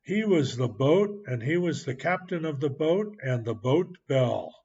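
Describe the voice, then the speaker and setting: Slow husky male storybook narrator. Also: on the high side. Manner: calm, deliberate, clearly spaced. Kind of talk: slow storybook reading for learners. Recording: muffled lo-fi recording.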